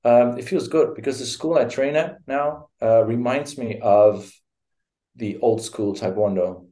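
Speaking unhurriedly in a mellow, mid-pitched voice, this middle-aged man carries a Dutch accent and comes from the Netherlands. He joins a casual interview by video call from his home, hesitating often with fillers and false starts.

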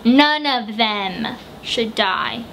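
A woman's voice: fairly high pitch, creaky, pushed and bright, slight background noise. Chatty young woman reading viewer questions. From United States. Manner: chatty, quick answers, reads questions aloud. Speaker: book vlogger. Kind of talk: casual Q&A vlog. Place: home room with bookshelves, indoors.

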